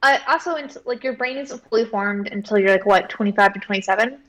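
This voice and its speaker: A woman's voice: mid-range voice, fast, a bit bright, low-quality recording. A woman in her thirties co-hosting a podcast, chatting casually with a teasing, sarcastic edge. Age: 30s. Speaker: podcast co-host. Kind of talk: casual chat.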